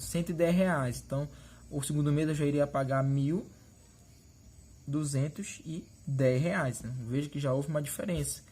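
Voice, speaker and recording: A male math teacher explains each step of a lesson, pointing at the board and asking quick check-in questions. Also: on the high side, darkish tone, slightly rough.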